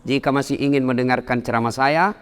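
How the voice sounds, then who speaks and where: A man preaching to a congregation, telling humorous anecdotes and rising to high, loud punchlines. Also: steady tone, brisk, clear, resonant tone, big-room sound.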